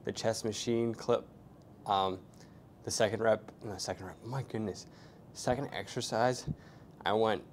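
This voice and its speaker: A man's voice: lowish voice, fairly even intonation, measured pace, a little hiss or hum. A young man talking casually to camera between sets in a small hotel gym, rambling with lots of fillers. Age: young adult. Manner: laid-back, rambling with many fillers. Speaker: fitness vlogger. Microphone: small clip-on mic, camera at a distance.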